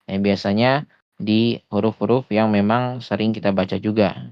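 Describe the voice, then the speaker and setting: A man teaching Quran recitation in an online lesson, explaining patiently with frequent hesitations and slowing down to demonstrate sounds. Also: lowish voice, clear, resonant tone, no echo, dull audio. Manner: often slows to demonstrate sounds. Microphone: voice chat headset or desktop mic.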